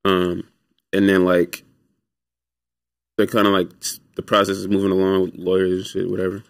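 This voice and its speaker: A young man, a music producer, telling stories in a relaxed, rambling interview full of fillers. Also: low-pitched, moderate pace, gravelly, no echo, clean studio sound. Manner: laid-back, rambling with many fillers. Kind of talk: casual storytelling interview.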